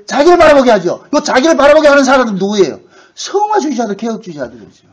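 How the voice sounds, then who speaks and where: A man preaching a sermon as pastor, talking in a colloquial way and acting out quoted voices, from loud bursts to hushed asides. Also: very high voice, sing-song, fast, husky, rough recording. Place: church sanctuary.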